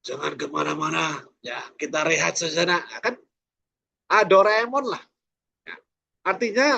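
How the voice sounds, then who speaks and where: A man's voice: a little high, creaky, pushed and bright. A man teaching a preacher training class online, asking rhetorical questions and tagging his sentences with "ya". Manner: rhetorical questions, frequent "ya" tags.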